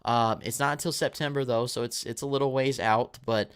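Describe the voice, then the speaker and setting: A man's voice: mid-range voice, steady tone, a little fast, fairly bright tone, clear, resonant tone. A man in his twenties hosting a live movie Q&A, reading viewer questions and answering in a casual, rambling way with a dry mouth. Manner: casual, rambling, with fillers and restarts. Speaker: movie channel host.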